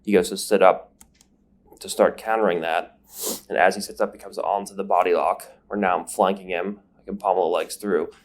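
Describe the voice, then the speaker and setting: Deep-voiced and a little fast, a man breaks down grappling technique step by step in separately recorded voice-over. His intonation is fairly even, and he sniffles now and then because his nose is numbed.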